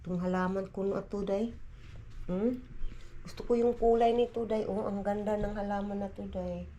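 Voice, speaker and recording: A woman's voice: medium pitch, fairly even intonation, moderate pace, dark tone, highs cut off, a little hiss or hum. A woman, a mother, chatting casually to her vlog viewers at home and mixing in English words. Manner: chatty, mixes Tagalog with English, often says "day". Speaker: vlogger and mother. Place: home, porch and yard outdoors.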